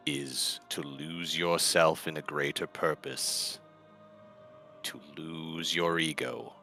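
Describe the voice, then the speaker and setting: A compassionate adventurer, played by a man at the table, speaks low, slow and soft. His tone is bright and earnest. Faint music runs behind him. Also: gravelly, full character voice.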